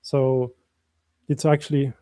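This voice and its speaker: A Polish man with a Polish accent live-streams his coding, chatting casually and rambling with viewers, reading the chat aloud and often restarting his sentences. His medium-pitched, warm voice shows little pitch movement and he takes things slowly; there's no echo.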